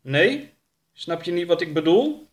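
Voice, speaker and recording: A man voicing a stern, suspicious man of about fifty in a storybook reading, gruff and commanding. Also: high voice, very animated, measured pace, voice pushed up.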